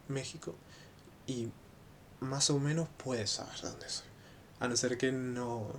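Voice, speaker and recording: Young man explaining a chapter, unhurried. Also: mid-range voice, slight background noise. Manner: unhurried and explanatory, with frequent filler pauses. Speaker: teacher-training student and YouTuber. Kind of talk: informal explanation of a book chapter.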